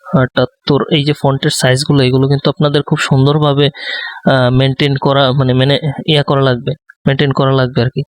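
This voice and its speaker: A man giving a design tutorial, speaking softly close to the microphone and thinking aloud with many fillers. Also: mid-range voice, little pitch movement, fast talker, no echo. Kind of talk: live screen-recorded tutorial.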